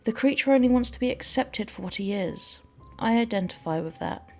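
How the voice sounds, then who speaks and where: A woman's voice: a little high, lively intonation, fairly quick, faint music behind. A woman doing game playthrough commentary and reading the dialogue aloud as she plays.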